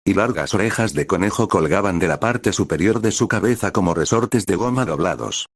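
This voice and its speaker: Deep-voiced man reading fan fiction. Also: animated, fairly quick, husky, no echo, clean studio sound.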